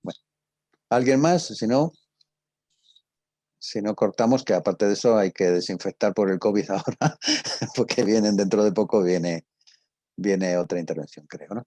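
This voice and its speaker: An older man with a husky, warm voice and a Castilian Spanish accent answers students informally as a radio drama teacher, talking in a conversational, storytelling way. His pitch is fairly low, his pace moderate with long pauses, and the recording is dry.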